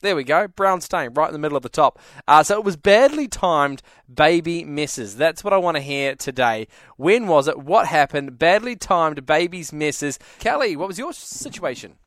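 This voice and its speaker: High-voiced radio host man. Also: animated, moderate pace, fairly bright tone, no echo, studio quality. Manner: chatty, laughs along with callers. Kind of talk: radio talk show. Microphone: studio microphone.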